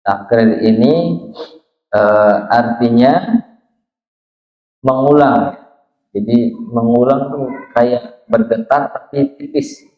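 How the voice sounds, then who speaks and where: This slow Quran pronunciation lesson comes from a man in a small prayer room who patiently demonstrates letter sounds and draws out recited words. He speaks slowly at medium pitch, with big pitch swings and many pauses, and the recording is roomy, dull lo-fi.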